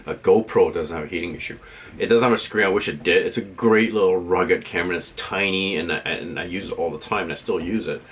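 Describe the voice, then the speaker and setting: A man's voice: low voice, a little fast, a bit bright. A man vlogging a casual, unscripted gear review in a rambling, opinionated way, often checking in with the listener.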